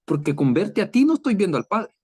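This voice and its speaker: A man's voice: sits high, sing-song, fairly quick, a little mellow, breathy edge. A man preaching an online Bible lesson in a conversational way, acting out dialogue with scripture. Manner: conversational, preaching to a chat audience; acts out dialogue with Jesus and scripture.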